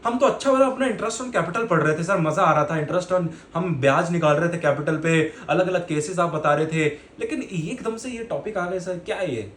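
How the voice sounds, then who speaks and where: A man's voice: sits high, moderate pace, hardly any pauses, a bit bright, a little hiss or hum. A man voicing a curious teenage student who keeps pleading with his teacher and calling him sir. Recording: echoey room.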